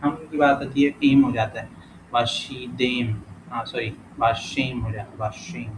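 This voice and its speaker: A man teaching a casual lesson who thinks aloud as he works through exercises, corrects himself often and reads example words out slowly. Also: mid-range voice, fairly even intonation. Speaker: language teacher. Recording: clear background noise.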